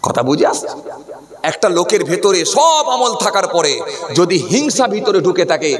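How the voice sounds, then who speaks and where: A hoarse, unwell man preaching a waz sermon, swinging into chanted bursts and rhetorical questions. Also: high-pitched, sing-song, normal speed, a crowd in the background. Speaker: Islamic preacher.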